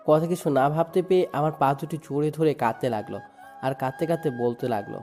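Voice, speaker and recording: Man telling a sad story in first person, warm mellow voice, soft music under it. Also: fairly high pitch, brisk. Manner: sorrowful, emotive. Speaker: narrator and lead voice.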